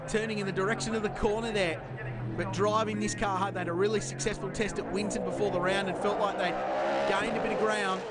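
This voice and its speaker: An Australian man commentating live on motor racing in an excitable, emphatic race-calling manner. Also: high voice, fast talker, over a noisy crowd. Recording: loud race car engine noise. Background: racing cars and trackside ambience.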